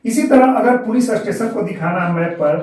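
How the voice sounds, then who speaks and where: A man's voice: sits high, brisk, darkish tone, far from the mic, a little hiss or hum. Echoey male teacher explaining map symbols. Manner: explains step by step, often repeating a term in Hindi and English. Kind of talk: explaining a school geography lesson. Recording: very echoey room, voice from off-mic.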